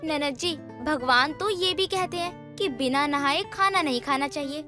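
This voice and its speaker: A woman's voice: high voice, unhurried, music in the background. A woman voicing a bold young daughter-in-law who speaks forthrightly. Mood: teasing.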